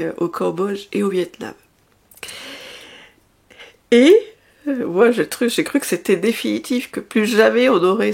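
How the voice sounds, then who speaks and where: A woman talks to her viewers in a loose, rambling vlog chat, laughing often and restarting her sentences. Her voice sits in a middle range with a noticeable gravelly fry. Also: mid-range voice. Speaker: vlogger. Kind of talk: casual chat.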